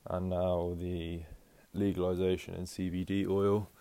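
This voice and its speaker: A man's voice: low-pitched, level tone, a little slow, dark tone, smooth. A man hosting a casual solo podcast from home, rambling with lots of fillers and restarts while he moves around the house. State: out of breath. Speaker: podcast host.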